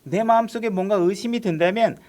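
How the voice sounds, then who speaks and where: A man's voice: high voice, a little fast, darkish tone. A man preaching a sermon as pastor, in a conversational way with frequent rhetorical questions to the congregation. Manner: acts out quoted prayers and voices of God in his own voice.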